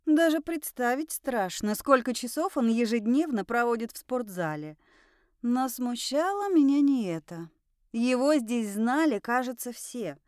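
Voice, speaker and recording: Lively, expressive woman narrating an audiobook. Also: on the high side, unhurried, smooth, no room sound, clean studio sound. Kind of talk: first-person audiobook narration.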